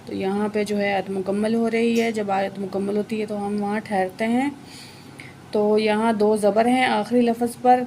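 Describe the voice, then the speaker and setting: A woman teaching Quran reading word by word, explaining each letter and then reciting slowly and drawn out. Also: medium pitch, vocal fry, darkish tone, a little hiss or hum.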